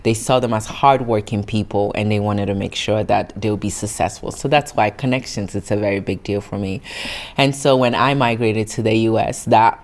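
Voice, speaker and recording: A woman's voice: very deep voice, fairly even intonation, moderate pace, a little mellow. A woman from Italy, giving reflective, encouraging interview answers in an earnest way. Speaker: interview guest, founder.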